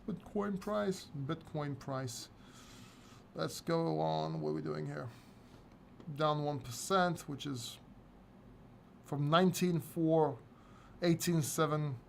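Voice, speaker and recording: Reading viewer questions from chat during a casual live crypto Q&A, a man from Greece answers frankly and now and then swears. He hosts a crypto channel, his voice a little high and fairly bright, with slight hiss or hum in the audio.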